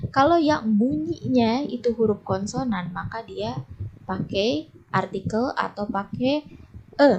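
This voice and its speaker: An English teacher with an Indonesian accent giving a patient lesson to young teens, repeating each word slowly for the class to echo. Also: female voice, on the high side, husky, highs cut off.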